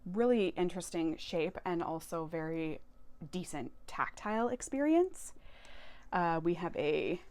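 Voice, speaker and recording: A woman's voice: on the low side, animated, measured pace, a little mellow. A woman chatting casually as she shows off a haul of crystals, enthusiastic and prone to correcting herself. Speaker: tarot and crystal vlogger. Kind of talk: casual show-and-tell haul.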